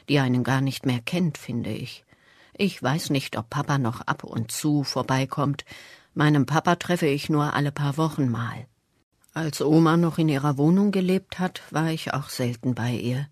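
Husky storybook narrator, middle pitch, steady first-person telling. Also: no echo, clean studio sound. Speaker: audiobook reader.

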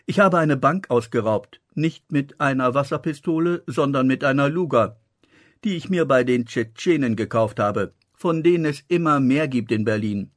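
A man's voice: mid-range voice, normal speed, no room sound, clean studio sound, natural voice. A man voicing a reserved male guest who evades questions, in an audiobook. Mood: confessing. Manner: guarded, evasive. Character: reserved male guest, a father searching, evasive.

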